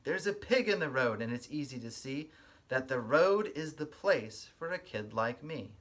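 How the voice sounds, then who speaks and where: A man who teaches kindergarten reads aloud at normal speed in a mid-range voice, bringing energy and expression to the story. He also stops to explain things simply for the kids.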